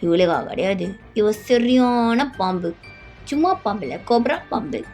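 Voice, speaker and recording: A woman's voice: medium pitch, lively intonation, unhurried, warm tone, soft background music, close to an everyday voice. A woman voicing a menacing young man who wants revenge, speaking in threats and mockery. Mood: scornful. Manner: threatening, mocking.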